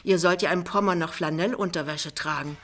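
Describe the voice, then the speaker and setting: A woman's voice: on the low side, brisk, close to an everyday voice. A woman reading an audiobook, voicing a vain, thrifty middle-aged mother with a gushing, bossy and theatrical manner.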